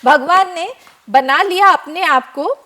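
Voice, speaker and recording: A woman spiritual teacher, a guest expert in a TV studio, giving a devotional talk as an animated storyteller. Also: very high voice, slow. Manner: animated storyteller, acts out characters.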